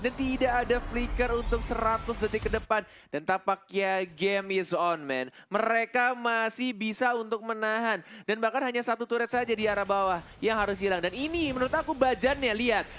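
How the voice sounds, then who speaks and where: High-pitched Indonesian male game announcer. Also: normal speed, few pauses. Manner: excited, dramatic calls with English gaming terms mixed in. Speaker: esports shoutcaster. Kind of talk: live esports play-by-play commentary, like a fighting game announcer. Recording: music behind the voice.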